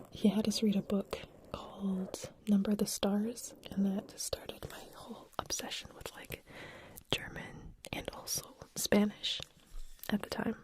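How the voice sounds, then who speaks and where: Softly whispering woman, mellow ASMR host. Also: mid-range voice, slight background noise. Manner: soft unvoiced whisper, reading out chat questions and answering them; chatty with frequent fillers and restarts. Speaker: ASMR channel host answering live chat. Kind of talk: whispered ASMR live stream Q&A. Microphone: ASMR microphone with wind guards.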